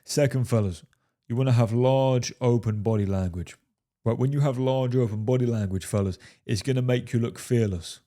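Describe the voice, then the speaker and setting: A dating coach with a warm, medium-pitched voice gives advice straight to the camera at a moderate pace. He's emphatic, keeps saying "fellas" and "right?", and swears for emphasis.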